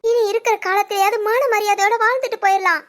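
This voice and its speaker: A woman voicing a worried, scolding middle-aged village mother in an animated family drama, with a Tirunelveli Tamil accent. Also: extremely high pitch, quick pace. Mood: bitter scolding. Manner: bitter, scolding.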